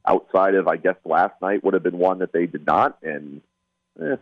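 Deep-voiced North American man talking hockey. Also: normal speed, no echo, lo-fi sound. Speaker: hockey analyst guest. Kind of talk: casual sports commentary interview.

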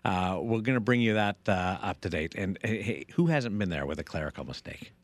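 A man hosting a sports radio show, moving between casual talk and contest promo reads in a halting, self-correcting way. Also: sits low, lively intonation, no room sound.

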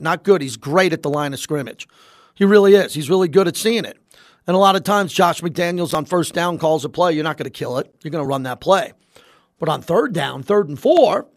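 A man's voice: a little high, dry recording. An American man hosting sports talk radio, giving emphatic opinions and repeating phrases for emphasis into a close studio mic. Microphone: close studio microphone.

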